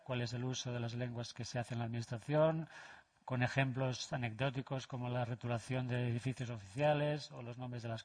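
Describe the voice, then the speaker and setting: Man, academic presentation, mid-pitched voice, measured, hesitant, conference talk. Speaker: lecturer presenting a paper.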